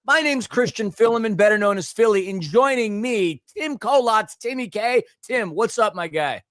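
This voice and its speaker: A man with a fairly high voice hosts a casual sports talk show. He is upbeat and jokey and full of sports slang. The sound is dry and close, with no room echo. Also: expressive, moderate pace, fairly bright tone. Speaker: podcast host.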